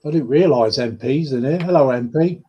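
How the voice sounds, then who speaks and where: A man's voice: medium pitch, a little fast, warm tone, husky. A man on a video call chatting in an easygoing, friendly way. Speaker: guest on a livestream. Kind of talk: casual chat.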